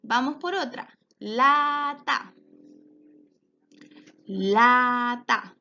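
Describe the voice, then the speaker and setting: A woman's voice: on the high side, pushed and bright. A woman teaching a children's phonics lesson, drawing out each word and praising often. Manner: slow, drawn-out words for children, encouraging praise. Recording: dull lo-fi sound.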